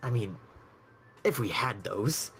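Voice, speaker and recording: Man playing a robot shopkeeper, prim, formal, fussy, lowish voice, faint music behind. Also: expressive, takes it slowly, a bit bright, full character voice. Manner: prim, formal and slightly anxious.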